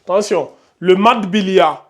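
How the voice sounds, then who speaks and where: A man with a fairly high voice teaches Arabic pronunciation for Quran reading. He talks slowly and stretches each letter sound out so learners can copy it. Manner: slow, drawn-out demonstration of letter sounds.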